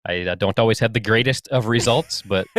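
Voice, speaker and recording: A man's voice: mid-range voice, sing-song, measured pace, a bit bright, dry recording, clean studio sound. A man co-hosting a podcast in an easygoing way, laughing at himself. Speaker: podcast co-host. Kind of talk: casual interview chat.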